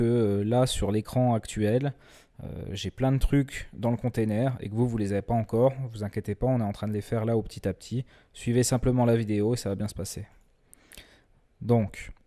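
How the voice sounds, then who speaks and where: A man presenting a screen-recorded software tutorial in a relaxed, chatty way, often hesitating and restarting his sentences. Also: mid-range voice. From France. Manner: self-deprecating humor.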